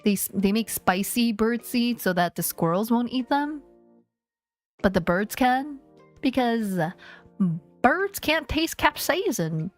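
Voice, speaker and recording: A woman's voice: on the high side, expressive, slow pace, soft background music. A woman streamer chatting playfully with her viewers, rambling and joking. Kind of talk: casual live-stream chat.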